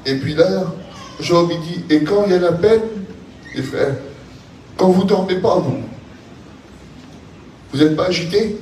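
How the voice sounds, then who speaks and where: A man with a southern French accent preaching a sermon in an impassioned, repetitive cadence that builds to shouting. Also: high voice, unhurried, long pauses, slight background noise. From France. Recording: echoey hall, voice from a distance, faint ambience.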